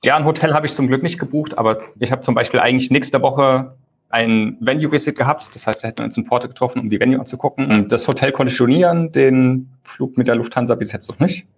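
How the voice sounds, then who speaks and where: A man being interviewed over a low-quality phone call, explaining things at length in a loose, conversational way. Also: fast, husky. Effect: low-quality phone call recording. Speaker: conference lead organizer, interview guest. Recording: dull lo-fi phone call audio.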